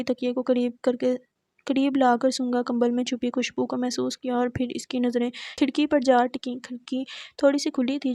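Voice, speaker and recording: A woman's voice: high-pitched, mellow, dry recording, clean studio sound. A woman narrating a romantic novel as an audiobook, reading steadily.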